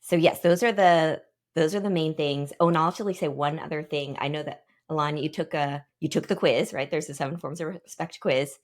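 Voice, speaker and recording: A woman's voice: low voice, steady tone. A woman in her forties from the Pacific Northwest, leading a reflective workshop talk for a team and often checking in with questions. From Pacific Northwest, United States. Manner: reflective, pausing, asks the group questions. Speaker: workshop guest speaker.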